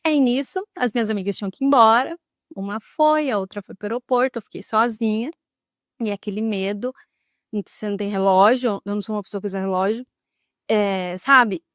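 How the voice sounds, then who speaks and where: A woman's voice: medium pitch, brisk, no echo, clean studio sound. A young woman telling a personal story to camera in a dramatic, emotional way. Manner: dramatic, emotional retelling with lively quoted speech. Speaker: vlogger.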